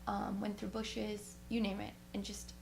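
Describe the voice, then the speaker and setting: A woman guest musician telling a story in animated fashion, acting out the quotes with big swings in pitch. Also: unhurried, creaky, a little hiss or hum. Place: radio studio. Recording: roomy studio.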